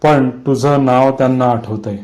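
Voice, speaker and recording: A man voicing a grave, haunted old village man who speaks slowly in a lowered voice. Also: fairly even intonation, darkish tone, natural voice.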